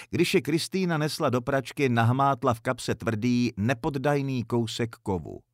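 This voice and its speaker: A man narrating a story in a calm, measured audiobook reading. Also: mid-range voice, no echo, studio quality.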